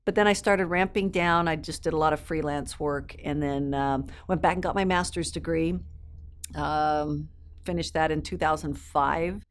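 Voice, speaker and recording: A woman in her fifties who grew up in South America tells stories as a guest in a casual interview. She speaks fluently and upbeat, with a few ums, in a low voice at a normal pace and with fairly even intonation.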